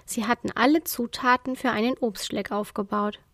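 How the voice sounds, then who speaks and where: A woman narrating a children's story in a calm storytelling manner. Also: on the high side, moderate pace, no room sound, studio quality.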